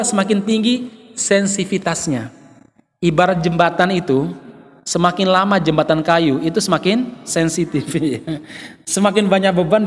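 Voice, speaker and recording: A man's voice: high voice, in a large hall. A man preaching a sermon, joking with the audience and acting out little quotes.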